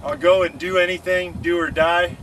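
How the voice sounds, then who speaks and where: A man's voice: high-pitched, fairly even intonation, normal speed. Laid-back rambling man, noisy outdoor take. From Lake Tahoe area, California, US. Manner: rambling, laid-back, surfer slang with many fillers. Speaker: interviewee, extreme sports athlete. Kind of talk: casual chat. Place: outdoors beside a motorcycle. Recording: noisy outdoor recording with traffic.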